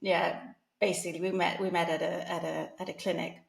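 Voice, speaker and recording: An Englishwoman in her forties appears as an interview guest, her low, creaky voice sounding flat and fairly quick in a reverberant space. She chats casually, laughing often, with plenty of fillers and restarts.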